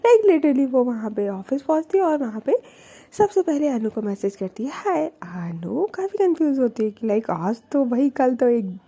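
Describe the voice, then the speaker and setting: A chatty young woman narrates a love story casually, tossing in English fillers. Her voice is high and mellow, with a soft, warm edge. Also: big pitch swings, normal speed, breathy edge.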